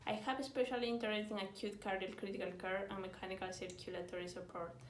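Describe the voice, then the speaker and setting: A woman's voice: mid-range voice, level tone, fast talker, a little hiss or hum. Ecuadorian woman cardiologist in an echoey room.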